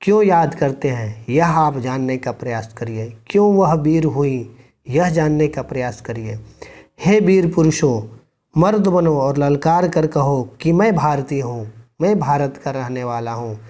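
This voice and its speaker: A man's voice: a little high, expressive, a little slow, warm tone. A man teaching a school Hindi lesson, reading a passage aloud and then explaining it line by line while urging his students on. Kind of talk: classroom lesson explaining a textbook chapter.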